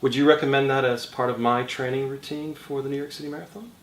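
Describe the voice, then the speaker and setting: A man's voice: medium pitch, steady tone, roomy sound. A man from the United States interviewing a guest in a casual, joking way, with many fillers. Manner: upbeat, joking, quick with fillers. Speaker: interviewer, charity head.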